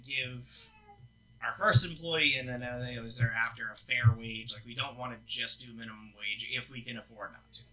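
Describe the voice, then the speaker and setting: A young man with a very bright, tense tone talks casually as a shop co-owner. His phrasing is loose and chatty, with plenty of fillers and false starts along the way. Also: mid-range voice, fairly even intonation, moderate pace, rough recording. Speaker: co-owner of a gaming lounge. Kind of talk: casual business update chat.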